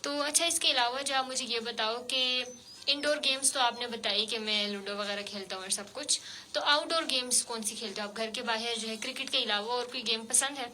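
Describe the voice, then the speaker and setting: A woman hosting a radio show, interviewing a child guest with gentle, coaxing questions full of fillers. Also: fairly high pitch. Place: radio studio.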